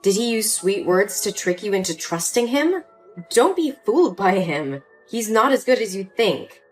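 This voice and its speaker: A woman's voice: medium pitch, big pitch swings, normal speed, close to an everyday voice. A woman voicing an emotional young daughter pleading with her mother in a story drama, with faint music behind. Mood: upset.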